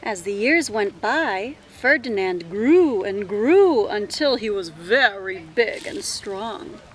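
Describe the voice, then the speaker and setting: A woman reading a picture book aloud to children in an expressive storytelling style, with gentle dramatic pauses. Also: mid-range voice, a little hiss or hum. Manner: gentle dramatic pauses, asks listeners questions.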